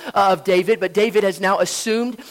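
A high-pitched male pastor preaches to his congregation, telling a story between hushed asides and forceful declarations. His voice rings out with a long echo from the church hall. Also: brisk. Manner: storytelling preacher, swings between soft asides and loud emphasis. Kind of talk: sermon. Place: church sanctuary.

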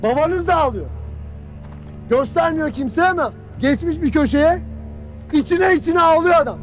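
A harsh army commander in a film drama barks at his troops with strained, very high pitch and biting sarcasm. Faint film music sits low under the voice. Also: moderate pace. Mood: grim bitter. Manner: barking, interrogating, bitterly sarcastic.

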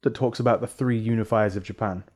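A man in relaxed conversation, laying out historical facts in a measured, explanatory manner. His delivery is casual and steady, like a co-host walking a friend through a topic. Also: on the low side. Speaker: podcast co-host presenting history. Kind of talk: casual chat.

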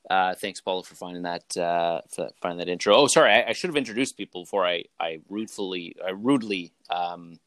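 A young man hosting a casual podcast, talking in a relaxed, rambling way with many fillers. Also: sits low, fairly quick, hardly any pauses, no room sound. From Canada. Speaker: podcast host. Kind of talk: casual chat.

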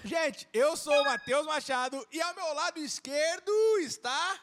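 A teenage Brazilian man hosting a podcast in a jokey, loud manner, often repeating his own phrases. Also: extremely high pitch, unhurried, slight background noise. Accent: Brazilian Portuguese. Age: teens. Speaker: podcast host. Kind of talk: casual chat.

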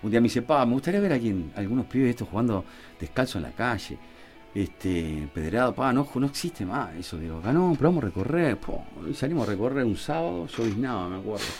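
A man's voice: medium pitch, fast talker, soft background music. A man with a Uruguayan Spanish accent telling anecdotes in casual conversation, full of fillers and acted-out quotes. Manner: animated, acts out quotes, many fillers. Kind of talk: casual storytelling.

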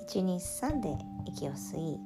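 A woman instructor leads guided breathing and relaxation in a soft, soothing way, often trailing into breathy near-whispers. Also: on the low side, sing-song, a little slow. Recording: prominent music with singing bowl tones. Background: meditation music with singing bowls.

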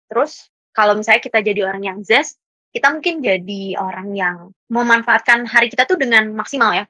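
Bright young woman, chatty podcast guest. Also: fairly high pitch, brisk, no room sound. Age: young adult. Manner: chatty, laughs often, mixes in English words. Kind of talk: casual podcast discussion.

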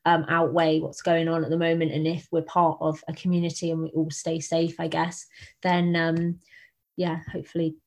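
Casting: woman researcher on a webinar, lowish flat delivery, halting with ums. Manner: hesitant, many ums, earnest. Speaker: guest speaker, researcher. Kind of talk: answering questions in a webinar.

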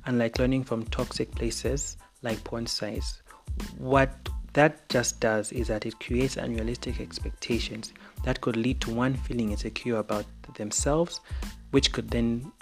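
A young Zambian man talks through his opinion podcast at a middle pitch, earnest and frank, as if reading from his own script. His Zambian English accent is clear, and faint music plays under his voice. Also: steady tone, a little slow. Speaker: podcast host.

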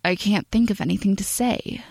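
A woman's voice: medium pitch, very animated, brisk, vocal fry, darkish tone, no echo, studio quality. A woman voicing an awkward young male soldier who stammers and stumbles over his words, in a storybook reading. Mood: tender.

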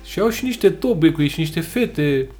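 A man's voice: fairly high pitch, expressive, a little mellow, soft background music. A man chatting casually as a podcast co-host, joking and now and then putting on other people's voices. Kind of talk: casual chat.

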